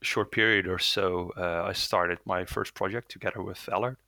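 A Dutch man in his thirties speaks in a casual interview, his low voice gravelly yet bright. He talks in halting bursts, full of fillers and restarts. The recording is dry and close, with no room sound. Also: steady tone, dry recording. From Netherlands. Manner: hesitant, many restarts and fillers, chuckles often. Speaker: lead software developer guest.

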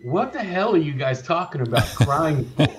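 A man's voice: fairly high pitch, very animated, moderate pace, faint music behind. A man joining a casual show by video call through his computer mic, so he sounds distant and echoey in his room. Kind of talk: casual radio show banter. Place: his own room at home. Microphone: computer mic, not his proper mic.

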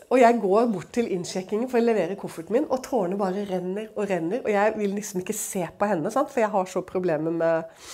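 A woman's voice: medium pitch, dark tone. A woman speaking at a church, telling a personal testimony as a dramatic, chatty story full of conversational fillers.

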